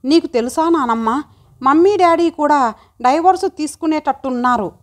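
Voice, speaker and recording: A woman's voice: sits high, lively intonation, normal speed. A woman voicing a young boy who is upset and sobbing to his grandmother in an audiobook. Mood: tearful. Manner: sobbing, pleading.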